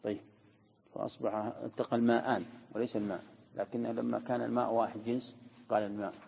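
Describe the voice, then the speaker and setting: A man's voice: medium pitch, flat delivery, fast talker, gravelly, a little hiss or hum. A man teaching a classroom Quran commentary lesson, asking and answering his own questions. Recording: dull lo-fi recording in a reverberant hall.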